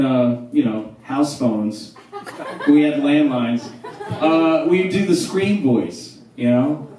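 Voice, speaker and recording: A man's voice: fairly high pitch, mellow. A man in his thirties doing a loose, rambling stand-up comedy set, laughing between his jokes. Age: 30s. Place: small theater stage with audience. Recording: echoey room from far off, crowd noise.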